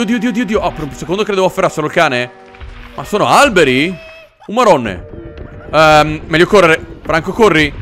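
A man hosting a let's play, narrating his gameplay with jokes and loud, animated exclamations. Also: on the high side. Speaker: gaming channel host.

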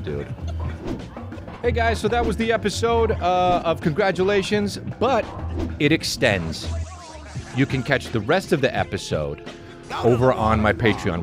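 Profane rambling male podcast host. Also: lowish voice. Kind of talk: casual comedic monologue. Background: video game music.

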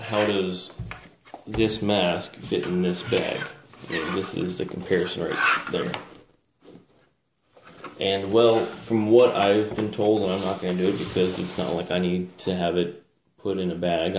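A man's voice: low voice, a little mellow. A man giving a casual, unscripted show-and-tell as a presenter, hesitant and rambling, often correcting himself. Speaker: presenter reviewing collectible military gear. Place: small indoor room at a table. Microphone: camera mic, speaker off screen. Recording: roomy echo with background hiss.

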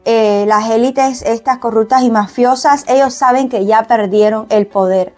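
A woman's voice: fairly high pitch, a little slow, darkish tone. A woman giving an emphatic tarot prediction at a table, piling up synonyms for stress. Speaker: tarot reader.

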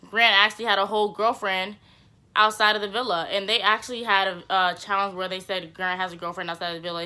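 A young woman talks straight to her audience in a loose, slangy vlog chat, animated and full of playful asides. Her voice has a bright, crisp edge. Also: mid-range voice. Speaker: vlogger. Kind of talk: casual reality-TV gossip chat.

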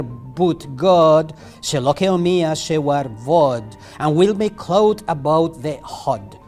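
A man reading aloud as a henpecked medieval husband who mourns his lot in a repeated, drawn-out refrain. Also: fairly high pitch, a little mellow, pitched above the performer's own voice. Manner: lamenting, recited refrain. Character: henpecked medieval husband, middle-aged man, woeful and complaining.

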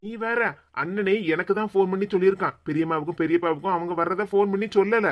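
A performer voicing a good-natured young male office worker in an animated cartoon, speaking with a Kanyakumari Tamil accent in a teasing, pleading manner. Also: mid-range voice, fast, highs cut off, close to an everyday voice.

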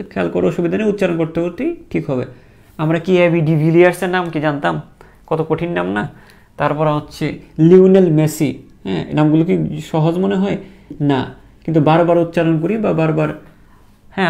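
A man teaching a biology class, patiently quizzing students and repeating terms slowly so they can echo them. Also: high voice, creaky, darkish tone. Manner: patient, encouraging. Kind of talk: classroom lecture.

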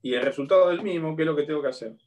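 Lecturing on law via video call, a man in his thirties with an Argentine Spanish accent sits in a home room lined with a bookshelf and talks into his laptop webcam. His voice is slightly high with a darkish tone, and he explains patiently, often stopping to make sure his students are following.

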